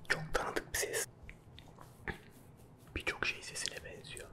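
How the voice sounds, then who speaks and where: Man, thirties, quiet nighttime whisper, ASMR style, close mic. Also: takes it slowly. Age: 30s. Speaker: ASMR creator and game contestant. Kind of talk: ASMR whispering, playful challenge chat. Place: small dim room at a desk, indoors. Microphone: close microphone with furry windscreen.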